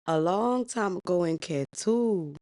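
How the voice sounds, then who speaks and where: Low-voiced sassy woman storyteller. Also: expressive, takes it slowly, dark tone, dry recording. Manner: sassy, chatty asides. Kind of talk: casual oral storytelling.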